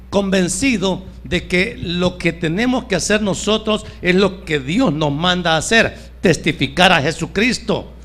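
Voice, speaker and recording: A middle-aged man preaching a sermon as pastor, rising to emphatic peaks and dropping to soft low asides. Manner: fervent preaching, swings between raised emphatic lines and soft low asides.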